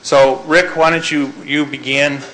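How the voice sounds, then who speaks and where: A man's voice: on the high side, little pitch movement, unhurried, bright, forceful tone, poor audio. A man leading a public town meeting who talks in long, rambling sentences and often restarts his phrases.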